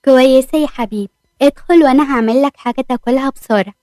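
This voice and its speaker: A hospitable older mother with an Egyptian accent, motherly and insistent, as a woman plays her. She talks quickly, and the sound is dry and close. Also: high-pitched, warm tone, no echo, soft background music, close to an everyday voice. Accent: Egyptian Arabic.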